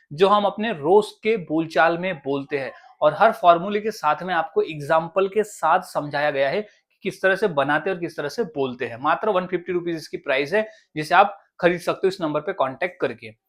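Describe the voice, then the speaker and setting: A woman whose first language is Hindi teaches spoken English. She builds each sentence step by step and repeats each phrase slowly. Her voice sits a little low.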